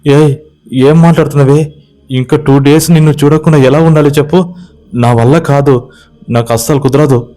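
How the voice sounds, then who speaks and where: A man's voice: medium pitch, fairly even intonation, faint music behind, close to an everyday voice. A man voicing a desperate, hot-headed young village man in a spoken ghost story. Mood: angry. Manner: pleading, demanding, quick to shout.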